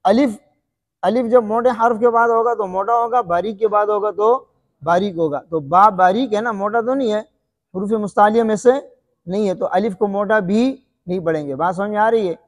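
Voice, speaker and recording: A man's voice: high-pitched, big-room sound. A man teaching the correct pronunciation of letters in a Quran recitation lesson, asking his listeners questions and drilling each sound aloud.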